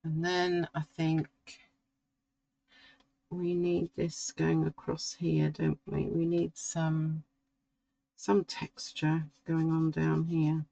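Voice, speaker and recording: A middle-aged woman, slowly talking through a drawing as she works and musing to herself. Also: low-pitched, monotone, gravelly, warm tone, no echo, poor audio. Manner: slow, musing, talks to herself while drawing. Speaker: art tutor. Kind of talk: relaxed painting tutorial.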